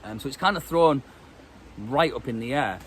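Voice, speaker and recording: A congested British man films a casual vlog outdoors among trees, his mid-range voice expressive and at a normal speed. He rambles, stumbling over ums and restarts, and a little hiss or hum can be heard.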